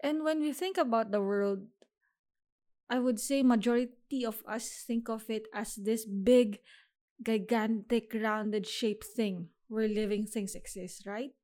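A woman's voice: on the high side, fairly even intonation, unhurried, dark tone. Upbeat young woman podcasting solo. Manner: chatty, upbeat, laughs at own slips. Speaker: podcast host. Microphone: home podcast mic.

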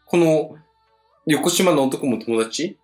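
A man in his thirties co-hosting a podcast in casual chat, teasing his partner and jumping up high when he protests. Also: expressive, slow pace, a little mellow. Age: 30s. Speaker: podcast co-host. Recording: echoey room with faint music behind.

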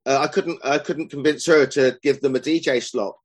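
A man's voice: medium pitch, steady tone, normal speed. A man in his fifties chatting as a guest, rambling and self-deprecating as he recalls running club nights. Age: 50s. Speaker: guest, club promoter and songwriter. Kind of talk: casual chat.

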